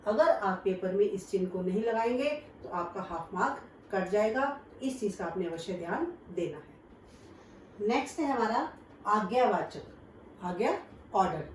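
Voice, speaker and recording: A woman's voice: medium pitch, lively intonation, a little slow, slight background noise. A woman teaching Hindi grammar to children, patiently explaining each point with examples. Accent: Indian Hindi. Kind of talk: classroom grammar lesson. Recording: roomy echo, voice from a distance.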